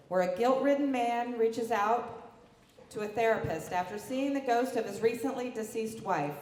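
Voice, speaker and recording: A woman presenting at a theater awards night, announcing each play in a clear, formal scripted way. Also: on the high side, darkish tone. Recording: echoey hall with faint room noise.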